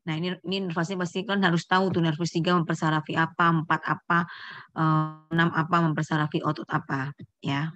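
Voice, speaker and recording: Low-voiced woman giving a medical lecture. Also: level tone, brisk, fairly bright tone. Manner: explanatory, quizzes students, corrects herself mid-phrase. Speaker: neurology lecturer. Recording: dull lo-fi lecture recording.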